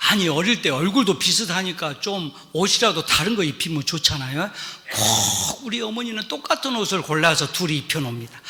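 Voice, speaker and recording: A man's voice: sits high, vocal fry, bright, forceful tone. A male pastor, preaching earnestly and telling personal stories between scripture readings in a church sanctuary. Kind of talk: sermon. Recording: long reverb in a church hall.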